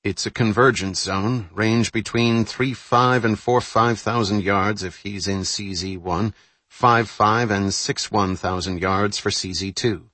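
A man's voice: on the low side, fairly even intonation, unhurried, pushed and bright, dry recording. A man voicing an earnest young naval ensign reporting precise figures. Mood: focused.

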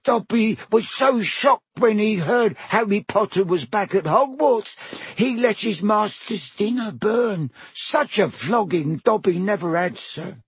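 A man voicing a timid, anxious male house elf servant who pleads in a high voice and calls everyone sir. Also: expressive, a little slow, husky, no room sound, full character voice. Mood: pleading. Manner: servile, high-pitched pleading, many "sir"s.

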